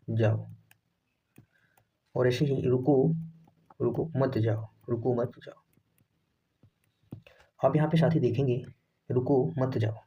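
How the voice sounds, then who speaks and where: A man teaching a grammar lesson for exam students, who dictates definitions and repeats phrases slowly so that students can copy them down. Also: medium pitch, mellow. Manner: repeats phrases slowly for note-taking, addresses students as "saathi". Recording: slightly dull audio with faint noise.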